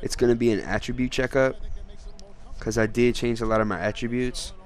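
A man's voice: mid-range voice, fairly even intonation, brisk. A teenage boy chatting casually over his basketball video game, hyped and talking straight to viewers. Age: teens. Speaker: gamer. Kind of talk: casual gameplay commentary.

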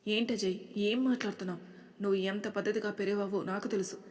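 A woman's voice: medium pitch, steady tone, fast talker, darkish tone, big-room sound, natural voice. A woman voicing a reproachful middle-aged aunt scolding her nephew. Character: bitter scolding middle-aged mother-in-law.

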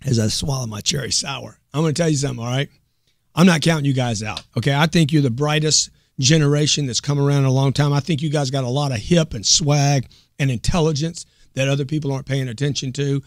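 A man's voice: a little high, dry recording, studio quality. Pushy, hyped-up male talk host. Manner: loud, pushy, hyped salesman delivery. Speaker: show host. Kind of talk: energetic motivational talk show.

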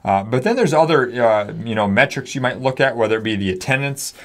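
A man's voice: medium pitch, lively intonation, quick pace. Earnest man in his forties explaining. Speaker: pastor and podcast co-host. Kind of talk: casual podcast discussion. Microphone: studio mic on stand.

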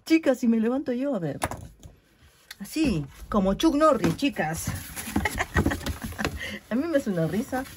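Unboxing a gift at home, this Spanish-accented craft vlogger talks casually and animatedly to her followers, laughing a lot between long pauses. Her fairly high voice moves at a measured pace, and the laptop-mic recording is very noisy.

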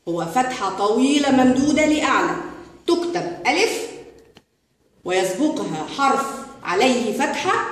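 Arabic teacher woman in an echoey room. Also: on the high side. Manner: slow, drawn-out sounding of syllables; addresses children directly as friends. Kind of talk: children's phonics lesson. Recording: echoey room with long reverb.

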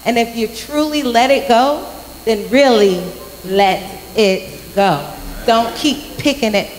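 A young woman delivers a youth message in a large church sanctuary before a congregation, telling a story with lively, acted-out voices into a handheld mic. Her voice is on the high side and slow, and a distant camera captures the echoey room.

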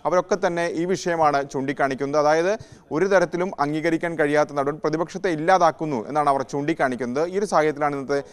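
A man in his thirties delivers a live news report on a lapel mic. His voice is smooth and resonant, sitting a little high for a man, and he explains things steadily, now and then restarting a word. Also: fast talker. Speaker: news correspondent.

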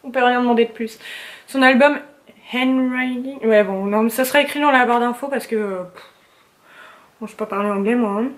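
Indoors at home, a young woman vlogs a casual chat about her favorites, chatty and gushing with slang and fillers. Her voice is a little high and fairly quick, broken by long pauses.

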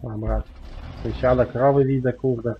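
A man's voice: mid-range voice, fairly even intonation, a little slow, muffled recording, soft background music. A man giving rambling, casual commentary while playing a farming game, full of mild swearing fillers. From Poland. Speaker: gaming YouTuber.

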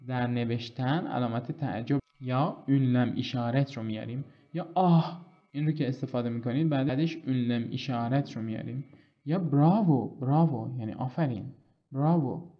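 Patient male language teacher, lo-fi. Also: medium pitch. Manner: patient explaining, reads example sentences slowly and clearly. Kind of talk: online language lesson.

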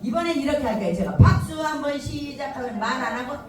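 A woman instructor leads an elderly class through a clapping warm-up, shouting cues and cheering them on. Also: high voice, lively intonation, fast talker, a little hiss or hum. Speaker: recreation instructor for a seniors' class. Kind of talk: leading a call-and-response clapping warm-up. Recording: echoey hall from far off, loud music and crowd.

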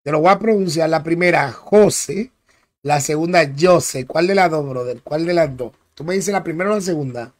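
A man's voice: on the high side, fast talker, few pauses. A young man streaming a game live, chatting in a laid-back way, repeating himself and greeting viewers by name. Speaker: gaming streamer.

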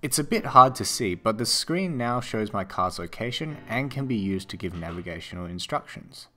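A man with an Australian accent narrating a scripted voice-over for a build tutorial, in a steady, explanatory way. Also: on the low side, moderate pace. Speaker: tech video narrator.

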